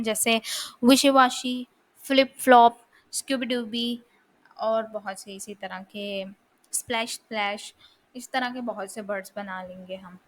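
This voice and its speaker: A woman's voice: on the high side, a bit bright. A woman lecturing on linguistics in a casual, explanatory way, often asking a question and then answering it herself. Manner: explanatory, asks and answers her own questions. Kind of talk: casual lecture in mixed Hindi-Urdu and English. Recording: faint background noise.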